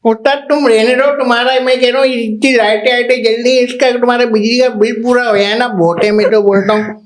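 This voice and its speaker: A man's voice: very high-pitched, steady tone, fairly quick. Man, brash and teasing, roomy echo. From Karachi, Pakistan. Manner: brash, teasing, talks over the host. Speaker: podcast guest. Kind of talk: joking banter.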